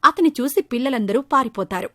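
A woman narrating a children's moral story in a steady storybook way. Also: sits high, fairly quick, dry recording, studio quality.

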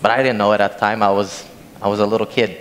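Low-voiced young preacher in a big echoing church. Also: male voice, little pitch movement, quick pace. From Hawaii. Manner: plain conversational storytelling, walking the stage. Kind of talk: sermon with scripture reading. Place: large church sanctuary stage. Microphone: handheld microphone from a far camera. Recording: long church hall reverb, faint noise.

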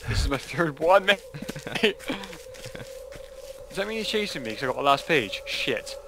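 Bloke gaming with his mate, bit high-pitched, giggles and swears, gets excited quick. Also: noisy background. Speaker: co-player. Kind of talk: casual co-op gameplay banter.

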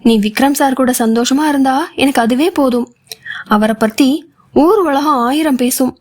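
A woman voicing an anxious, chatty young female friend who fires off rapid worried questions in an audiobook. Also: high-pitched, a little mellow. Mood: reassuring. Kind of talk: audiobook character voice.

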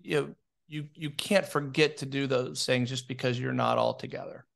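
A man co-hosting a business podcast in casual chat, giving steady advice with many ums and restarts. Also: medium pitch, normal speed, creaky. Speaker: podcast co-host.

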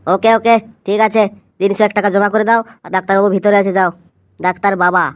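A woman's voice: mid-range voice, steady tone, quick pace, slight background noise, pitched below the performer's own voice, close to an everyday voice. A woman voicing an impatient clinic compounder in a cartoon, bossy and snappy. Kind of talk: cartoon voice acting.

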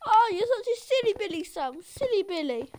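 A woman giving excitable, frantic commentary over a multiplayer game, often shouting and laughing. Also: extremely high pitch, normal speed. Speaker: gaming video creator. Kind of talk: let's play commentary.

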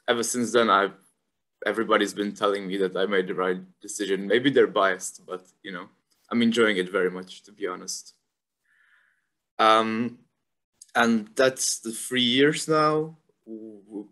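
Young man, somewhat low pitch, casual student talk, reflective, uses fillers. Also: fairly bright tone. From Czech Republic. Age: young adult. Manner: conversational, thoughtful, with frequent fillers. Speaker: university student.

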